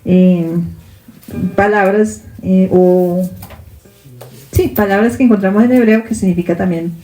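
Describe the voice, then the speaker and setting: A woman teaching a Bible lesson to a congregation in Colombian Spanish, often checking in with her listeners through quick questions. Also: medium pitch, steady tone, mellow, reverberant, faint music behind, rough recording.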